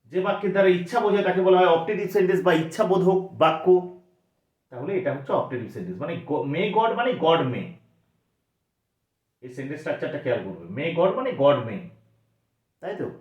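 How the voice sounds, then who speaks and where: A man's voice: a little high, expressive, brisk, long pauses, darkish tone. A man teaching a grammar lesson for exam preparation, explaining step by step and asking his students questions that he then answers himself. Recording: echoey, dull lo-fi recording.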